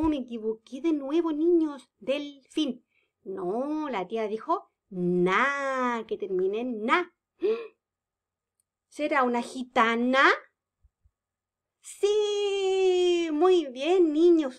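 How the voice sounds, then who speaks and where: A woman teaching a kindergarten lesson, drawing out words in a sing-song way for small children. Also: sits high.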